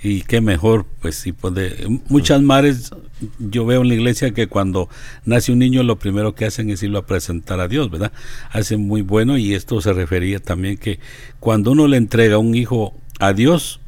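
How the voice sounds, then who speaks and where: A man reading a saint's life aloud and commenting on it in a measured, devout, earnest way. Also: fairly low pitch, a little mellow, dry recording. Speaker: reader leading a group discussion.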